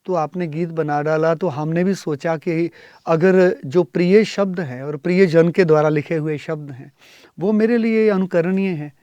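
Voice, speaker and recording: A middle-aged man speaks as a guest on a music show. His voice sits a little high for a man, and he explains things carefully with frequent pauses. The recording is dry and close. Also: dark tone, no echo, highs cut off. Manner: thoughtful, explaining, with frequent hesitations. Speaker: guest singer. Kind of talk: studio interview.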